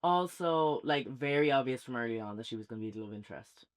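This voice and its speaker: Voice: medium pitch, animated, fast. An Irish-accented co-host in a casual film review chat, musing and hesitant, with many fillers.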